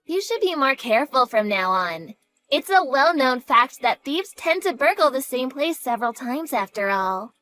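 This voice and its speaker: Woman as flippant young sister, snarky, dismissive, higher voice, soft music underneath. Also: big pitch swings, moderate pace, exaggerated voice. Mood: defensive. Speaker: sister of the main character. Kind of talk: voice acting in a narrated drama story.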